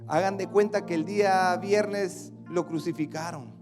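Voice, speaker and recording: High-voiced dramatic man preaching. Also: a little slow, faint music behind. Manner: dramatic, swings between loud and hushed. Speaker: pastor. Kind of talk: sermon.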